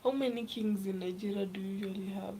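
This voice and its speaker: A young woman from Kenya chatting casually on a live stream, reading viewer comments aloud and often dropping to a soft, half-whispered voice. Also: medium pitch, fairly even intonation, quick pace, slight background noise, rough recording. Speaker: livestreamer.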